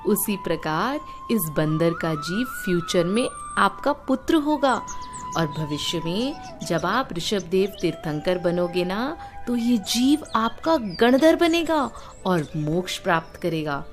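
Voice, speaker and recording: An Indian woman slowly tells children a moral tale, her pitch swinging lively as she animates the story. She explains simply, glosses terms and asks her listeners questions, with music clearly audible behind her.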